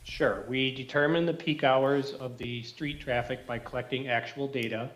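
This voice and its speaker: A man's voice: medium pitch, fairly even intonation, moderate pace, fairly bright tone. A man on a clipped, breaking-up remote call line, giving matter-of-fact technical answers as a traffic consultant. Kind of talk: remote testimony at a public meeting. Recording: echoey remote call audio.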